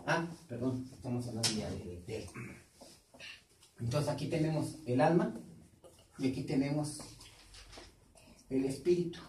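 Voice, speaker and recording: Pastor preaching in an echoey hall. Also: male voice, medium pitch, mellow, far from the mic, slight background noise. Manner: quizzes the congregation with questions, repeating key words. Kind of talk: teaching sermon. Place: church hall.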